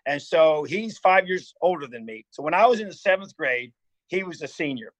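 A head football coach from Indiana, in his fifties, tells his life story as a guest in a casual interview. His animated voice sits on the high side, a bit bright, at normal speed; he rambles earnestly with many restarts and "you know"s, on a rough recording with no room sound.

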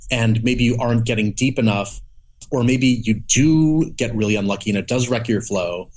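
A man talking casually as a podcast guest, rambling through his thoughts with frequent restarts. He slips into playful acted-out asides, and his voice sits in an ordinary middle pitch. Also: moderate pace, darkish tone. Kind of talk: casual conversation.

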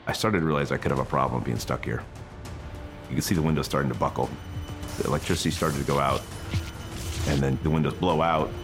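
A man's voice: a bass voice, fast talker, pauses often. A man telling a personal account in a documentary interview. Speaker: interviewee recalling a hospital stay. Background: faint music.

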